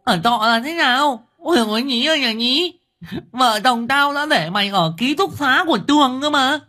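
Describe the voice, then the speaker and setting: A man voicing a loud, hysterical middle-aged mother who scolds and wails at a shriek. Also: expressive, normal speed, full character voice. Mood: shrieking scolding. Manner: wailing, scolding at a high shriek.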